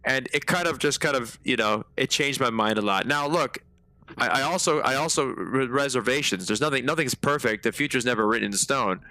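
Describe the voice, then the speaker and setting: A man streaming a game live and talking to his chat in a loose, slangy way. His voice is bright and forward with some edge, and the sound is close and dry. He rambles into animated stories between moments of play. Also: mid-range voice, fairly quick, dry recording. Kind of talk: live gameplay commentary.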